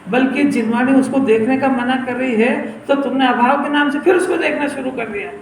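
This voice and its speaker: High-voiced man preaching in an echoey hall. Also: moderate pace, slight background noise. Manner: explanatory, questioning listeners, lively. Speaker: Jain scripture teacher. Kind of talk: sermon discourse.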